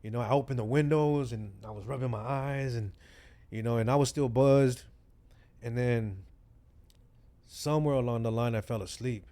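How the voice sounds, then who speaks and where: Casting: man of middle pitch, relaxed street-slang storyteller, chuckles often. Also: normal speed. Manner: laid-back, slang-heavy, laughs through his stories. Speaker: guest rapper. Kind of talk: casual storytelling chat.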